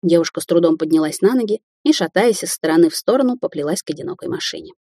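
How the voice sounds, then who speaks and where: A woman narrating an audiobook in a steady, even storytelling manner. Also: lowish voice, fast talker, dry recording, studio quality.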